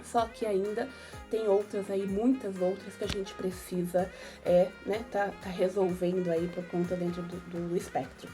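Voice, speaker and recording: A woman's voice: medium pitch, little pitch movement, measured pace, music in the background. A woman with a Brazilian Portuguese accent, a mother and neuropsychopedagogue, giving parents advice in an informal, conversational way and often adding tag questions. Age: adult mother of young children. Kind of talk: informal educational talk to parents.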